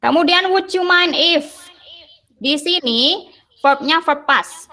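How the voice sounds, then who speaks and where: A woman's voice: high-pitched, takes it slowly, bright, forceful tone. A woman teacher with an Indonesian accent giving an online English lesson, patiently translating each English phrase into Indonesian.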